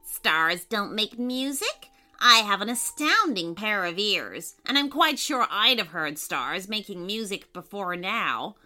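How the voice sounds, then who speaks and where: A fussy, prim bat, with overly polite, slow phrasing that turns into dismissive huffs, as a woman reads her. She is a storybook creature with a bright, sharp voice. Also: medium pitch, big pitch swings, faint music behind, full character voice.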